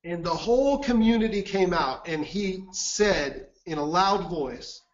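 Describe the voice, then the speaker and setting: Guy with a high voice doing a webinar talk, earnest storytelling, muffled lo-fi sound. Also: expressive, slow. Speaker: seminar presenter. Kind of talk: webinar presentation with anecdote.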